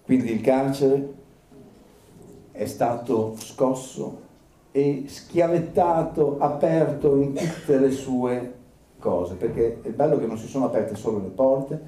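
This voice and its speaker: A man preaching a sermon as pastor, rising now and then into loud, high bursts of fervor. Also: takes it slowly, slight background noise. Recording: echoey room, faint ambience.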